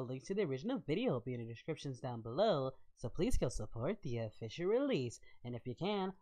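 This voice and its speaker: A woman doing an animated, excitable Goku reaction host. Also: sits low. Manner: excitable, shouting, laughs a lot. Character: Goku, cheerful young male alien fighter. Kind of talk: reaction commentary.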